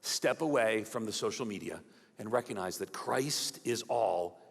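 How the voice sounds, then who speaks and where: A man preaching a sermon as a guest speaker, animated, acting out quoted voices and dropping to soft emphatic lines. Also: fairly low pitch, measured pace, creaky. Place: large church auditorium. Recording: long hall reverb.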